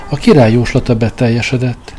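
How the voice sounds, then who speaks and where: Mellow-voiced male audiobook narrator. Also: mid-range voice, steady tone, faint music behind. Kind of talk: narrating a humorous novel.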